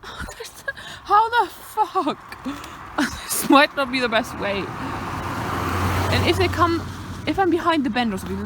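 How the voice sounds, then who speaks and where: A young woman films herself on a country walk and talks non-stop, rambling, muttering and swearing lightly, a little short of breath. Her voice sits on the higher side. Faint traffic hums in the background of the handheld outdoor recording. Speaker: vlogger. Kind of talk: rambling vlog chat on a walk. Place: outdoors on a country road beside a fenced field. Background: passing cars.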